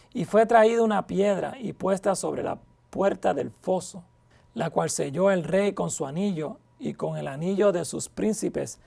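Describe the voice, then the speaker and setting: A man's voice: fairly high pitch, creaky, dark tone, husky. A man teaching a verse-by-verse Bible study, reading scripture aloud and then explaining it with rhetorical questions.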